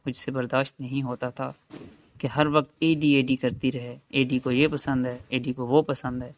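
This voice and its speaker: A man's voice: mid-range voice, little pitch movement, lightly acted. A man voicing a bitter, jealous jilted young man. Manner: resentful, pleading.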